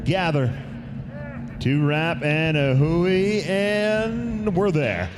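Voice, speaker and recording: A man's voice: a little high, lively intonation. Upbeat rodeo announcer man. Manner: quick, upbeat calls with easy laughter. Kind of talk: live rodeo commentary and banter.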